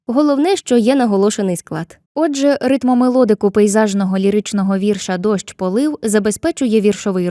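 A woman narrating a scripted literature lesson with clear, measured explanations, slowing down to read poem lines. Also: medium pitch, warm tone, dry recording, studio quality. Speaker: teacher.

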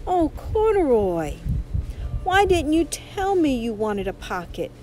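A woman voicing an eager, affectionate little girl who gently scolds, in a children's storybook. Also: takes it slowly, a little hiss or hum, full character voice, rough recording. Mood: gently scolding. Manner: excited, tender, high and expressive.

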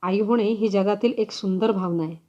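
A woman reading a short story aloud in a measured, expressive storytelling manner, on a slightly dull recording. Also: mid-range voice. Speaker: story reader. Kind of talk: audiobook story narration.

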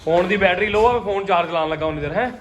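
This Punjabi-accented man, a family vlogger, speaks fast in a high-pitched voice during a teasing, casual chat at home, repeating himself frequently. It's a noisy home recording made on a phone he holds himself.

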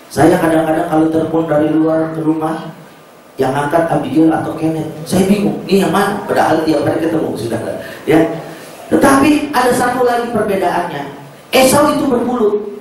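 A male pastor preaching a sermon, telling a story in an animated way and often addressing the congregation. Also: high-pitched, a little hiss or hum. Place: large church hall. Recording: echoey church hall, distant mic, faint ambience.

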